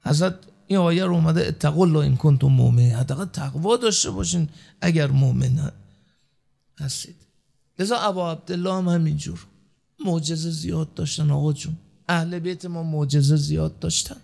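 A man's voice: on the high side, gravelly, dark tone. A man preaching a sermon to a congregation, speaking emphatically, with his delivery rising and falling. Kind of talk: sermon from the pulpit.

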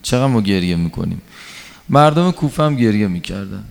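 A man's voice: lowish voice, expressive, creaky, darkish tone. A male preacher telling stories in a sermon, shifting between narration and acted quotes. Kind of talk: sermon storytelling. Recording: long hall reverb.

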